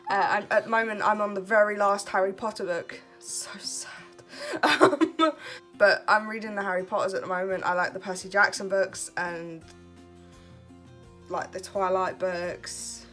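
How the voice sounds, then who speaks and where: A woman's voice: mid-range voice, unhurried, a bit bright, soft background music. A woman in her twenties from Kent, chatting casually and laughing at herself as she answers questions for her vlog. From Kent, England. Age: 20s. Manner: chatty, self-deprecating, laughs often. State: relaxed late at night. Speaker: vlogger. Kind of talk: casual get-to-know-me chat.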